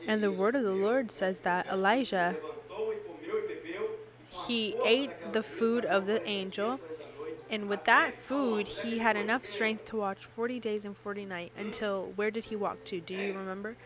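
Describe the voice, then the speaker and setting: Woman interpreting a sermon live, mid-pitched, congregation clearly heard behind her. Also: fairly even intonation, measured pace, crowd noise. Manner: preaching cadence with rhetorical questions to the congregation.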